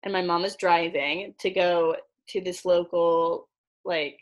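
Giggly young woman with vocal fry. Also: on the low side, fairly even intonation, takes it slowly. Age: young adult. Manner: giggly, chatty with many fillers. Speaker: podcast host. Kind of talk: casual podcast chat.

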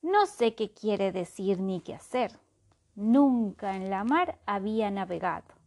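A woman's voice: medium pitch, animated, a little slow, a little mellow. A woman voicing a male ship captain in a children's story who always answers in rhyme. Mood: flustered. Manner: rhyming, theatrical.

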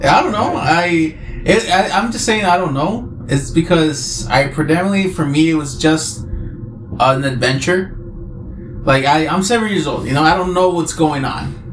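A man's voice: a little high, normal speed. A man from Oaxaca, Mexico, a guest chef, telling his story in a laid-back way, full of "you know.". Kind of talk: casual interview chat. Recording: echoey room, clear background noise.

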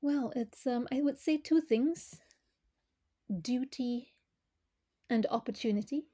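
A middle-aged woman from Malaysia speaks as a podcast guest, her voice on the higher side yet warm and mellow. She answers in a measured, reflective way, pausing on fillers as she builds her points. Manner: thoughtful, measured, with frequent fillers. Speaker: podcast guest, former corporate director.

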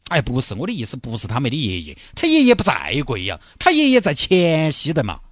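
A man's voice: mid-range voice, huge pitch swings, brisk, fairly bright tone, no echo, studio quality. A man voicing an exasperated young father with a who grumbles.

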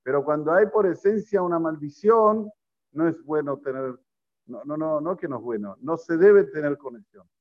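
A man's voice: on the high side, moderate pace. A man teaching a Torah class, telling stories and putting questions to his listeners. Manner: storytelling, poses questions to listeners, mixes in Hebrew terms. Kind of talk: Torah class to a live group. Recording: lo-fi recording.

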